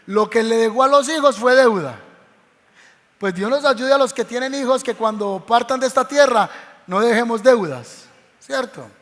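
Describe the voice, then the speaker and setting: A man's voice: very high voice, moderate pace, fairly bright tone. A man with a Medellín Colombian accent, a pastor telling a Bible story in a sermon and acting out its voices. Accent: Colombian Spanish, Medellín. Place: church hall. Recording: long reverb of a church hall.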